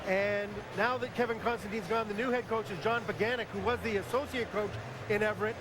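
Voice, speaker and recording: A man's voice: high-pitched, steady tone, a little fast. A man giving hockey analysis on a live draft broadcast, emphatic and detailed with dry humor, heard from a worn VHS tape copy. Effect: hissy worn VHS tape copy. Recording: hissy old videotape broadcast with crowd.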